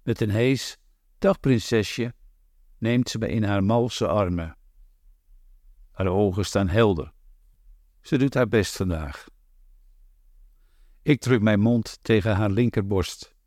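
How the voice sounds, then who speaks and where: A man reading a literary novel aloud in a measured, deliberate way. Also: lowish voice, a little mellow, no room sound, studio quality. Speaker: audiobook narrator.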